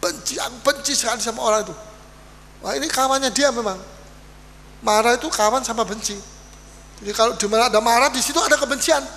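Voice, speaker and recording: A pastor preaching a sermon in a church, animated and lively, acting out little quoted exchanges. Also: male voice, extremely high pitch, quick pace, pauses often. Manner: animated preaching with acted-out quotes and Dutch sayings. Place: church hall. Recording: reverberant church hall, faint hum.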